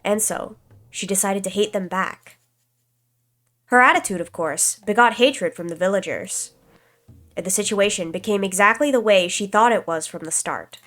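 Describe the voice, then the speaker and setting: A woman streamer reads a visual novel aloud in a calm, even way at a moderate pace, with a medium-pitched voice. She has a stuffy nose and a slight cough, and she makes casual asides to her chat.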